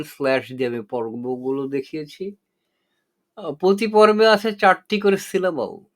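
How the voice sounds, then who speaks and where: Brief: male poetry teacher, unhurried and deliberate, slightly high voice. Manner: slow, measured, deliberate delivery with pauses and fillers. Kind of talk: explanatory lesson with recited verse.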